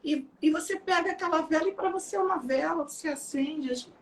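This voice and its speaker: Lady, high voice, chatty and laughing, telling stories about her book. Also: a little fast, a little hiss or hum. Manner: lively, laughing anecdotes. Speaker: author presenting her book. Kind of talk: casual storytelling talk.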